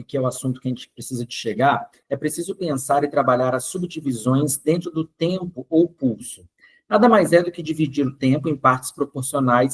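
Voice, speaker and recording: A man teaching a music theory lesson, explaining step by step and chanting rhythm syllables to a steady beat. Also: a little high, husky.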